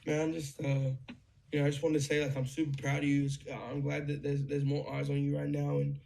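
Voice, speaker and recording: A young man with a gravelly, slightly higher voice, telling a story in an excited, casual way. He swears freely and leans on lots of fillers as he talks. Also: fast talker. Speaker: guest musician.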